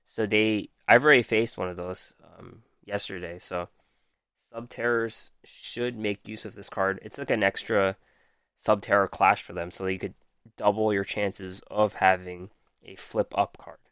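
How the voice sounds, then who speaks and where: A man's voice: fairly low pitch, fairly even intonation, unhurried, fairly bright tone, clean tone, dry recording, studio quality. A man hosting a podcast, methodically reading out card text and reviewing it with frequent ums while losing his voice. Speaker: podcast host. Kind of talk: casual card game review.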